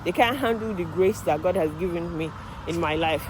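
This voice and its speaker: A Nigerian vlogger who works as a medical assistant walks down a residential street talking into her phone, her accent pronounced and her pitch fairly low at a normal speed. The chat is casual, animated and outspoken, with swearing thrown in freely. Around her, traffic and street ambience are clear.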